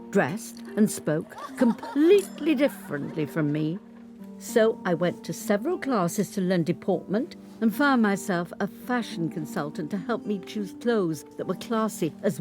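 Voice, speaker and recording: In a scripted, first-person dramatic monologue, an actress plays a dignified survivor of an abusive marriage, an 85-year-old grandmother and former footballer's wife, telling her life in measured, articulate words. The older voice is lowish and a little mellow. The studio recording carries instrumental guitar music underneath.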